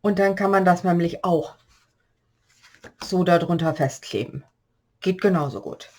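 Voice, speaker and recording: Speaking at a measured pace in a lowish, darkish voice with a slight cold-induced hoarseness, a German woman walks through a paper-craft tutorial step by step, explaining measurements while she works.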